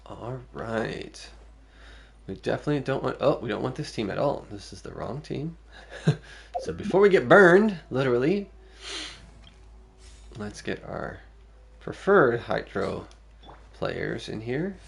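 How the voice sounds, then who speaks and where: A man's voice: mid-range voice, very animated, measured pace, gravelly, pauses often. A man streaming a video game, thinking aloud through his choices in casual commentary.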